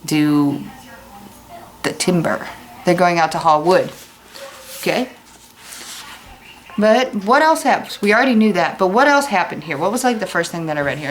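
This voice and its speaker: A woman's voice: deep voice, a little hiss or hum, poor audio. A woman teacher reading a chapter aloud to her pupils and explaining it in a casual, chatty way. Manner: casual, chatty asides to students.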